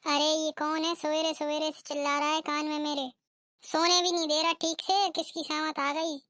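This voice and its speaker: A woman's voice: sits high, level tone, moderate pace, fairly bright tone, no echo, clean studio sound. A woman voicing a rude, defiant young daughter-in-law in a cartoon, talking back with arrogance. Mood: irritated. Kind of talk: cartoon voice acting.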